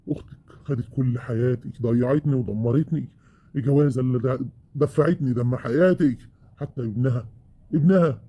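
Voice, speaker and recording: A man's voice: mid-range voice, slightly rough, lightly acted. A man with an Egyptian accent playing a bitter, worn-out older husband in a family web drama. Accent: Egyptian Arabic. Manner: reproachful, rising to shouting.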